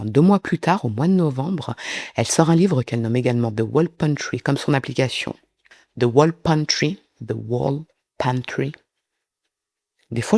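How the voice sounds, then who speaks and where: A man's voice: mid-range voice, creaky, a little mellow, no room sound, studio quality. A man telling a true-crime story in a casual, chatty way, breaking off for asides to his viewers.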